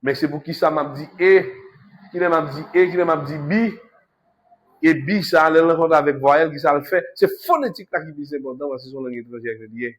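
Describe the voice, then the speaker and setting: A man's voice: a little high, fairly quick. Haitian-accented man lecturing a class. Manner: switches between French and Haitian Creole, repetitive, emphatic. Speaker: university lecturer.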